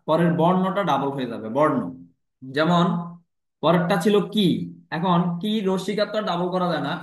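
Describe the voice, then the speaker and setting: Male teacher, patient step-by-step explainer, slightly high pitch. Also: roomy sound. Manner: patient, repeats each step slowly. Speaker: language teacher. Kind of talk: explanatory lesson.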